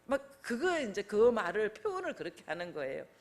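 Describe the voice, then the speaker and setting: An older woman preaching a sermon in a conversational way, asking her listeners questions and acting out quotes with lively changes of voice. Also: mid-range voice, brisk. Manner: conversational, asks the congregation questions.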